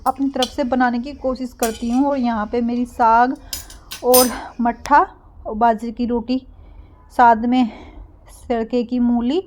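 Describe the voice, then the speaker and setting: A young woman narrating a casual home cooking vlog, speaking softly and getting a bit breathless when she pushes her voice. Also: a little high, level tone, unhurried. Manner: soft-spoken, gets breathless when speaking loudly. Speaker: vlogger.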